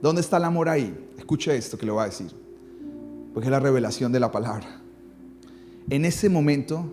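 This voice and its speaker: A man's voice: medium pitch, dark tone. A man preaching a sermon as pastor, dramatic, with his voice rising and falling for emphasis.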